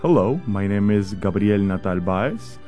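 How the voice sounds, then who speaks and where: A man's voice: fairly low pitch, lively intonation, a little slow, mellow, faint music behind. A man from Puerto Rico, an opera singer, sincerely telling how he was inspired. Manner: sincere, reflective.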